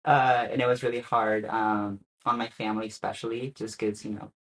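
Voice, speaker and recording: This guest is a young man from Spain whose first language is Spanish, recounting his experiences in a laid-back interview conversation. He speaks at an ordinary pace in a fairly low register, often pausing on "uh" and laughing softly as he goes.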